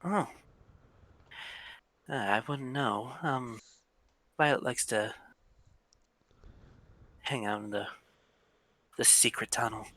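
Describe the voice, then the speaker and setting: A man's voice: mid-range voice, takes it slowly, long pauses, pushed and bright, no room sound. A man voicing a flustered, polite young woman in her early twenties who stammers and hesitates, in improvised tabletop role-play. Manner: hesitant, lots of ums and stammers.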